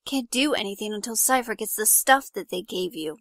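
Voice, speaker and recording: A woman's voice: mid-range voice, lively intonation, a little fast, a bit bright, dry recording, clean studio sound. A woman voicing an eager, hopeful teenage schoolgirl with a bubbly, blunt manner in a fan audio drama.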